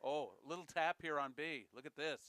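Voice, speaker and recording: A man's voice: fairly high pitch, moderate pace, sharp tone, no echo. A man giving casual, chatty live curling commentary, with folksy jokes and repeated calls.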